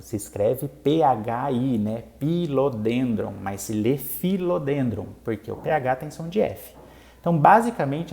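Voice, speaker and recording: A Brazilian man hosting a plant channel talks his viewers through a lesson in a relaxed, patient way. He breaks each point into small steps and keeps checking in with them. His voice is warm and mellow, at a middle pitch. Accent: Brazilian Portuguese. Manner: patient, explains step by step, tags lines with "né?" and "tá bom?". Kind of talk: casual explanatory lesson to camera.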